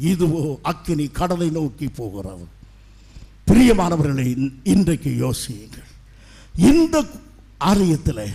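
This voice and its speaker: A middle-aged male pastor preaching an impassioned sermon, swinging between loud declarations and hushed asides. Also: high-pitched.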